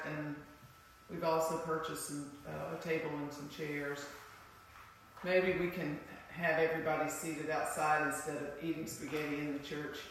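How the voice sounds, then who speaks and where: A man's voice: on the high side, gravelly, bright, forceful tone. A man from a church making a casual announcement to the congregation. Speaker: church member giving announcements. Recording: echoey church, distant mic, faint noise.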